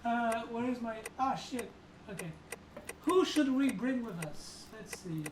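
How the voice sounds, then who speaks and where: A woman's voice: fairly high pitch, unhurried, background noise. A woman hosting a co-op let's play, chatting casually and laughing often. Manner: giggly, relaxed. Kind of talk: casual gaming chat.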